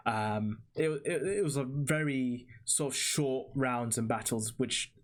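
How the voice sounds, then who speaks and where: A man co-hosting a casual podcast chat. He talks at an ordinary middle pitch and explains things at length, with plenty of ums and restarts. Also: unhurried. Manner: chatty, explains at length with fillers. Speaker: podcast co-host.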